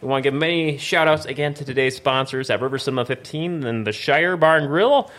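A man's voice: mid-range voice, a little fast, a bit bright. A man hosting a casual chat show, rambling with lots of fillers as he wraps up the episode. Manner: rambling, filler-heavy wrap-up talk. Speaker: host.

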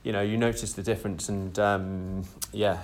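A man's voice: on the low side, level tone, normal speed, slight background noise. A man hosting a casual interview, rambling with many fillers and open praise for his guest. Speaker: podcast host.

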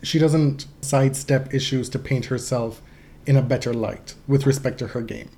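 A man with a soft-edged, warm voice sits in the middle of the pitch range. He speaks as a podcast co-host, commenting on sports in a casual, conversational way. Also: steady tone, moderate pace, creaky.

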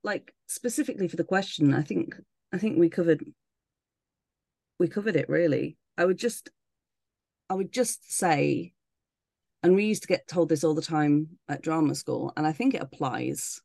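A woman's voice: low-pitched, animated, normal speed, vocal fry, pauses often, a little mellow, no echo, studio quality. A woman co-hosting a podcast in casual chat, blunt and informal, repeating phrases for emphasis. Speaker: podcast co-host.

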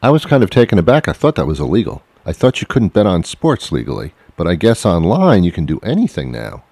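A man with a low voice banters as a co-host. His pitch moves around in a lively way as he jokes haltingly, in a very dry recording. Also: breathy edge, dry recording. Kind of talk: casual banter.

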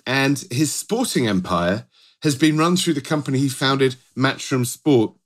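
A man's voice: mid-range voice, lively intonation, unhurried. A middle-aged British man co-hosting a podcast in a conversational style, often rephrasing as he goes. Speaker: podcast co-host.

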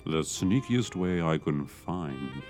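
A sultry, sneaky female intruder, voiced by a man, purring her teasing lines in a comedy audio drama. The voice sits extremely low and moves at an unhurried, drawn-out pace. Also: animated, a little mellow, faint music behind, full character voice.

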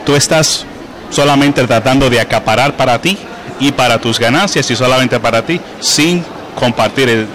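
A man, a guest calmly explaining his ideas in an interview. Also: medium pitch, moderate pace, a little hiss or hum. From Puerto Rico.

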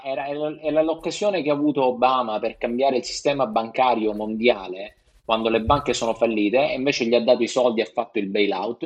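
A man co-hosting a podcast in casual comedic chat, blunt, provocative and foul-mouthed. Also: medium pitch. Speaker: podcast co-host.

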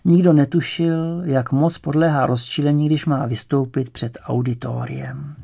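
A man narrating an audiobook in a calm, even storytelling manner. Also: on the high side, gravelly. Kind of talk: audiobook reading.

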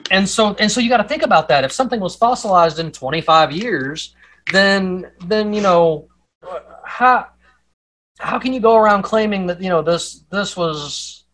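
A man's voice: high-pitched, lively intonation, normal speed, a bit bright, rough recording. A man talking over a video call in casual chat as a podcast co-host, often stumbling and repeating words as he restarts his sentences. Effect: remote voice over a video call that freezes. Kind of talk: casual conspiracy-minded chat. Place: at home on his farm.

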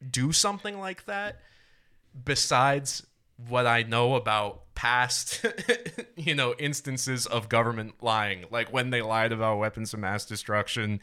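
A man's voice: mid-range voice, a little slow, bright, forceful tone, clean tone. A man in his twenties talking politics on a casual podcast, rambling and swearing, laughing often and restarting his sentences. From United States. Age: 20s. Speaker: podcast co-host.

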